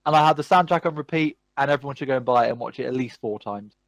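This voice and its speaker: A man hosts a casual podcast chat, rambling and ranting with lively enthusiasm. His voice sits at an ordinary middle pitch. The sound is dry and close, with no room echo. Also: very fast. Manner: animated, rambling movie ranting. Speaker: podcast host.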